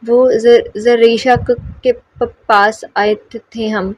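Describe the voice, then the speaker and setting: A woman's voice: on the high side, steady tone, a little hiss or hum, natural voice, rough recording. A woman voicing a polite, shy young woman who stammers and breaks off her words, in an audiobook. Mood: halting.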